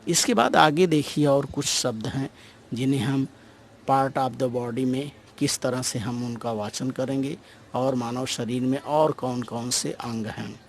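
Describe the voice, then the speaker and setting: A man's voice: medium pitch, unhurried, a little hiss or hum. A man teaching English body-part words in Hindi. He spells each word letter by letter, then gives its meaning, stressing each new word sharply. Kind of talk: Hindi-medium vocabulary lesson.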